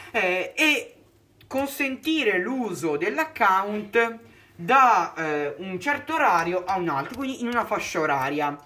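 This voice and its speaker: A man co-hosting a podcast talk with a bright, sharp tone. His pitch moves a lot as he walks through his points step by step, methodical and explanatory. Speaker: podcast co-host. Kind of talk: podcast discussion.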